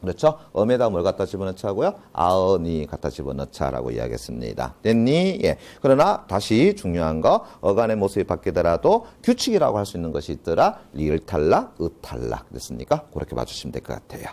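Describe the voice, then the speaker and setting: A man's voice: deep voice, wildly swooping pitch, darkish tone. A male teacher giving a grammar lecture, often checking in with students and answering his own questions, drawing out key terms. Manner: constant check-in questions, answers them himself; drawn-out stressed key terms.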